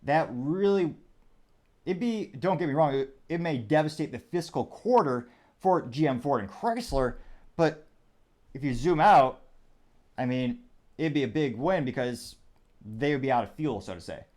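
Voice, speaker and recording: A man's voice: medium pitch, expressive, measured pace, long pauses, a little mellow. A male host delivers casual political commentary. He talks in a chatty, meandering way and often thinks aloud. He drops dry, sarcastic asides along the way. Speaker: show host.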